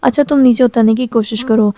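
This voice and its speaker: A woman's voice: fairly high pitch, fairly even intonation, brisk, mellow, dry recording, close to an everyday voice. A woman reading the lines of a drowsy, offhand young man speaking over a base camp radio in an audio novel.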